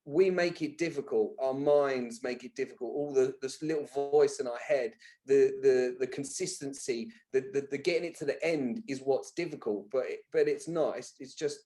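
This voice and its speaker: Telling frank personal stories as a podcast guest, this man speaks colloquially and with emphasis. His mid-range voice is mellow, at a moderate pace with few pauses.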